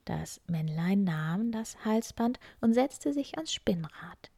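A woman reading a fairy tale aloud in a slow, hushed, breathy voice. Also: mid-range voice, lively intonation, no room sound. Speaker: storyteller. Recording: dry close recording.

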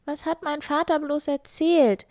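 A woman voicing a young miller's daughter, talking in a high, tearful, pleading way. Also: steady tone, unhurried, a little mellow, no room sound. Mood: despairing. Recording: dry close recording.

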